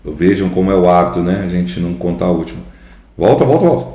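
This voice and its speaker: A man's voice: deep voice, animated, quick pace, mellow. A man with a Brazilian Portuguese accent, teaching literature in a recorded lecture, chanting the beats of verse and quizzing his viewers. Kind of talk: recorded video lecture on poetry. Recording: echoey room.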